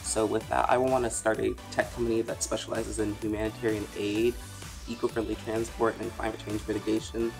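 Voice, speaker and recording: A young man introduces himself and explains his plans plainly. His voice is somewhat low and sounds monotone. Music is clearly audible behind him. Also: fairly quick. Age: young adult. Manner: explanatory, matter-of-fact. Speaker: incoming college student. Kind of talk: recorded introduction.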